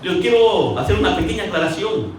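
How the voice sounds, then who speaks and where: A man's voice: high voice, expressive, fairly quick. A man preaching a sermon in a conversational way, telling stories and acting out the quotes. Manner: conversational, acts out quotes in a storytelling way. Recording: echoey hall from far off, faint ambient noise.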